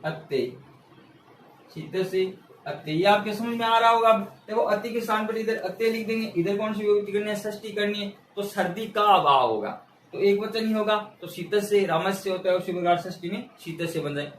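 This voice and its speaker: Speaking at a normal speed in a high-pitched voice, a male teacher leads an exam-prep grammar lesson, writing on a board as he explains step by step. He keeps repeating key words and asking questions only to answer them himself. There's slight background noise, an echoey room, and the mic sits far away.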